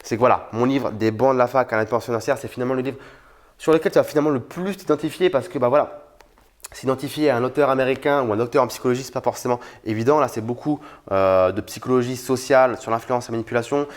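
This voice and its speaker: A man's voice: mid-range voice, fast. A young man from France talking frankly and casually to camera about books he recommends, with many fillers and restarts. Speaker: youtuber reviewing books.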